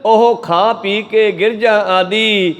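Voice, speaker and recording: A Punjabi-accented preacher with a fairly high voice tells homely folk tales to his congregation. He slips into quick voices for the animals in his stories, keeping a chatty, down-to-earth sermon tone. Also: steady tone, fairly bright tone. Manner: folksy storytelling, acts out quoted animals in shifting voices. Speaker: Sikh preacher giving katha. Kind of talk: storytelling sermon exposition.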